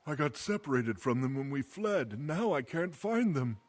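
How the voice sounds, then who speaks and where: A man's voice: medium pitch, big pitch swings, normal speed. An actor playing a male villager separated from his people in a video game, speaking with worry. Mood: worried. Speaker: game character.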